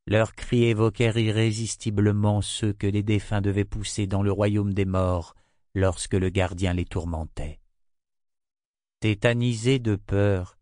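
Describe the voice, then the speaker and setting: A man narrating a fantasy children's audiobook in a steady storytelling manner. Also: on the low side, no echo, studio quality. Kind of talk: scripted narration.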